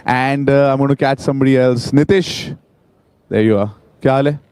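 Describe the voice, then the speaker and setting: A man with an Indian accent hosting a live event in an excited, informal, chatty way. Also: medium pitch, moderate pace, clear, resonant tone, no echo. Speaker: event host. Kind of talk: enthusiastic live event hosting, vox-pop interviews.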